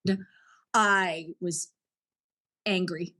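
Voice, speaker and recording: A woman's voice: fairly low pitch, steady tone, very slow, bright, forceful tone. Frank Canadian woman recounting her story. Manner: reflective, frank, laughs now and then. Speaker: podcast guest, educator. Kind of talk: candid personal storytelling.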